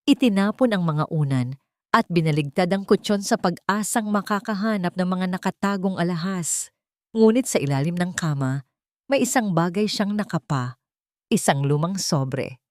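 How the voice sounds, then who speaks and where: With a Filipino accent and a low-pitched, dark-toned voice, a female audiobook narrator performs a scripted dramatic story. Her sound is dry and studio-like, without any echo.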